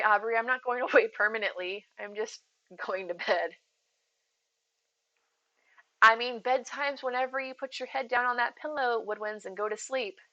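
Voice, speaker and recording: A woman streamer with a medium-pitched, sharp-toned voice chats casually with her viewers, rambling, giggling and calling out chat members by name. Her voice is soothing, though the recording sounds muffled.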